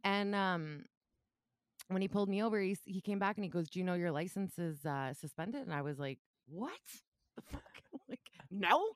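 A woman's voice: lowish voice, fairly quick, clean tone, no echo, clean studio sound. A woman co-hosting a podcast, telling stories in a casual, laughing way. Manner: laughing, animated storytelling. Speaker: podcast co-host. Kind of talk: casual chat.

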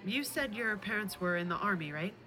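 A woman on a dinner date speaking scripted romantic lines, teasing and quick to laugh. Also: medium pitch, animated, pushed and bright.

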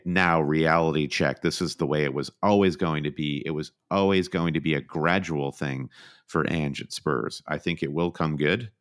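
A man co-hosting a casual football podcast, laying out earnest, opinionated analysis in long run-on sentences. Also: very deep voice. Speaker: podcast co-host.

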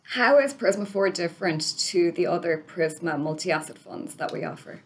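A woman's voice: lowish voice, animated, moderate pace. A woman podcast host presenting from a script and putting prepared questions to a guest.

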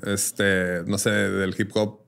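A young man with a Mexican Spanish accent, co-hosting a podcast in relaxed, slangy chat and telling stories with lively put-on voices. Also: on the low side, slow, vocal fry, smooth. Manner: relaxed slangy storyteller, bursts of animated impressions. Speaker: podcast co-host. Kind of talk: casual chat.

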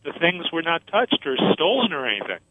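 A man's voice: fairly high pitch, big pitch swings, brisk. Man calling in over a tinny phone line. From Florida, USA. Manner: earnest, chatty storytelling. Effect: clipped telephone line. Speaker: caller. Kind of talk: call-in question on a radio talk show.

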